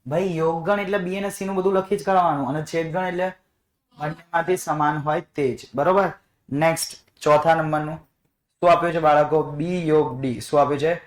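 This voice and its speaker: A man leads a math class, asking the same questions again and again to coax answers from his students. His voice sits a touch high for a man, and the classroom around him rings with echo. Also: steady tone, moderate pace. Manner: coaxing, repeats questions to students. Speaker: math teacher. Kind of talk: classroom lesson.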